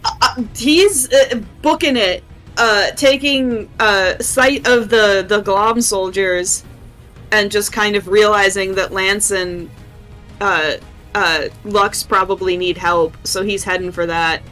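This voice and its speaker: A woman's voice: medium pitch, steady tone, slow pace, fairly bright tone, low-quality recording. A woman playing a tabletop role-playing game, describing her character's moves hesitantly with many uhs, with faint music behind. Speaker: player.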